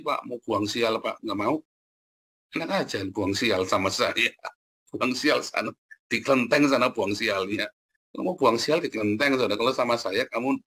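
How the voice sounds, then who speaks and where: Booming, lively preacher man. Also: breathy edge. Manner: booming, teasing, colloquial. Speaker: pastor. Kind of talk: sermon.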